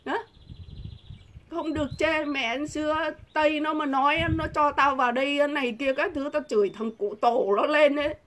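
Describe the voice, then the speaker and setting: A middle-aged woman vlogger rants angrily about politics to the camera, hurling insults and rhetorical questions. Her voice is high and fairly bright with fairly even intonation at a moderate pace, and there's a slight hiss or hum on the recording.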